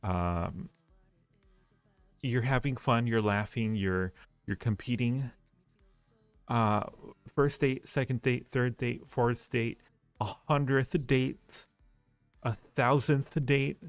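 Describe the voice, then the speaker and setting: A smooth, medium-pitched man with fairly even intonation speaks slowly and leaves long pauses while hosting a livestream. He chats casually and ramblingly with viewers, rating ideas and repeating phrases, over faint music in an echoey room.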